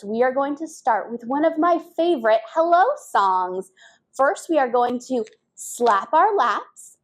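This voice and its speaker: Sing-song children's librarian. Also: female voice, on the high side, poor audio. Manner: sing-song, exaggerated and encouraging toward small children. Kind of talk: children's storytime.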